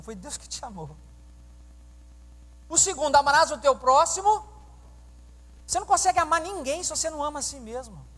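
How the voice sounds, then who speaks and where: A man preaching a sermon as pastor, telling stories with acted-out dialogue and quizzing the congregation. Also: very high voice. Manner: animated storytelling, acting out dialogue and questioning the congregation. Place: church sanctuary during a service. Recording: reverberant church hall sound.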